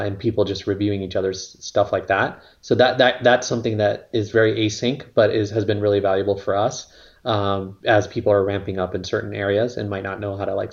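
A man's voice: lowish voice, dull audio. A man, a company co-founder, talking casually in an interview, rambling with lots of fillers and some casual swearing.

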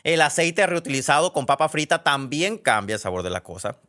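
A man's voice: fairly high pitch, sing-song, fairly quick, pushed and bright. Chatty Mexican man telling stories. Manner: chatty and digressive, often restarting and correcting himself. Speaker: podcast host. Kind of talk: casual storytelling monologue.

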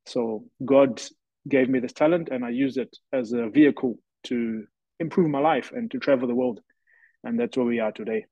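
A man's voice: mid-range voice, moderate pace, no echo. Guy in his 30s telling his story, earnest and reflective, dry close sound, kinda muffled. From South Africa. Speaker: guest, professional rugby player. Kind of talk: podcast interview. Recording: dry, slightly dull lo-fi audio.

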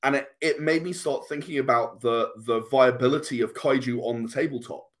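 A mid-pitched man speaks briskly as a guest in a casual interview. He's a game designer who explains things at length and with enthusiasm.

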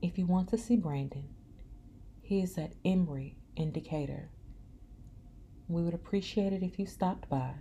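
A woman reading a gentle, apologetic pastor's wife. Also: on the low side, moderate pace, long pauses, slight background noise, voice pushed up, natural voice. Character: remorseful middle-aged pastor's wife.

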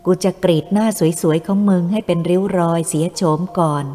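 A woman's voice: on the low side, fairly quick, natural voice. A woman voicing a cruel male traitor who threatens and bullies in a coarse, heavy way. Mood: threatening. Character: cruel male traitor, Thai collaborator, menacing. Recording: reverberant room with soft music.

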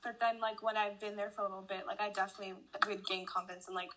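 A young woman in casual chat with friends, thinking out loud in quick bursts. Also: medium pitch, little pitch movement, poor audio. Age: young adult. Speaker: co-host.

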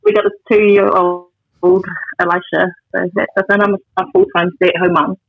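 A woman's voice: on the low side, little pitch movement, moderate pace, gravelly, narrow, tinny audio. A woman with a New Zealand accent, a stay-at-home mum chatting as a podcast guest in a brief, easygoing way. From Auckland, New Zealand. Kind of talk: casual podcast chat.

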